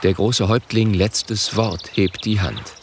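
A man narrating a children's audiobook with expressive storytelling. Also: on the low side, unhurried, slight background noise.

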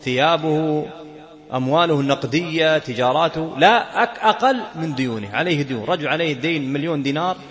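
A man's voice: fairly high pitch, expressive, quick pace, hardly any pauses, a bit bright. A man teaching Islamic jurisprudence, reading a text and explaining it, often asking a question and answering it himself. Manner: questions and answers himself, laughs now and then.

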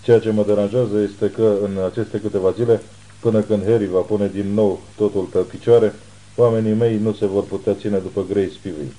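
A man reading the lines of a private detective who speaks in a measured, reassuring way. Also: on the low side, steady tone, warm tone, natural voice, poor audio. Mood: grave.

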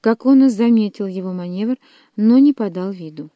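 A woman narrating an audiobook in a measured, dramatic reading style. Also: medium pitch, no room sound, muffled recording.

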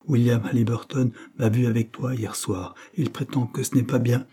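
A man's voice: medium pitch, fairly even intonation, moderate pace, slightly rough. Man voicing Anna, a timid young girl. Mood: pleading. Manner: soft, pleading.

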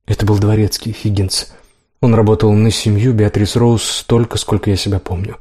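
A man reading a first-person audiobook in a steady, even manner. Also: on the low side, moderate pace, slightly rough. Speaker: audiobook narrator.

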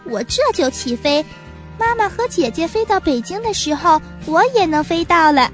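A woman voicing a small, eager young male pigeon in a storybook reading, quick to stammer when caught out. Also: very high voice, expressive, soft background music.

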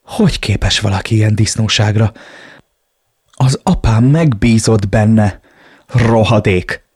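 A man's voice: on the low side, a little mellow, husky, no room sound, studio quality. A man reading an audiobook voices a young heiress who protests in a shocked, exasperated way. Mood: shocked indignation. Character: young heiress woman, frightened and indignant.

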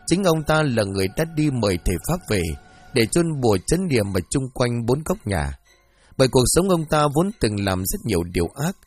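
A man narrating a ghost story with dramatic, storytelling delivery. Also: medium pitch.

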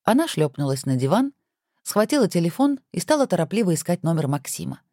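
A woman narrating an audiobook with wry, expressive storytelling. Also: fairly low pitch, fairly quick, no room sound, studio quality.

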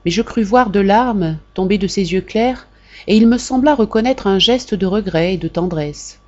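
A woman narrates a literary audiobook in a measured, expressive reading. Her voice sits at a middle pitch. The recording sounds dull and lo-fi. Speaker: audiobook reader. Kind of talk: scripted narration.

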